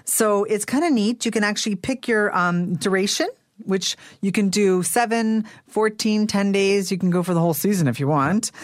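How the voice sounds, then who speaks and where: A woman's voice: medium pitch, moderate pace, no room sound, clean studio sound. A woman talking casually as a tour company representative being interviewed on a radio show.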